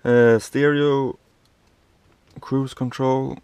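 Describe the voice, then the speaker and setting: This truck driver from Sweden, a man in his thirties, walks through his cab's controls in a relaxed tour, stumbling with fillers and false starts. He speaks in a mid-range voice with little pitch movement, a darkish, clean tone, and there's no room sound.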